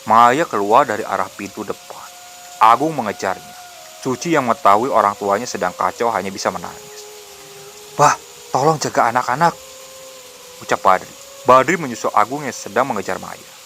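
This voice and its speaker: Man, low-pitched, scripted horror narration, quiet and deliberate, faint noise behind. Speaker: storyteller.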